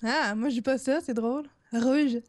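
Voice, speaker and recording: A woman's voice: high voice, fairly quick. A woman from Ontario co-hosting a live-stream podcast, reacting in a playful back-and-forth. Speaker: podcast co-host. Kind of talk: casual live-stream chat.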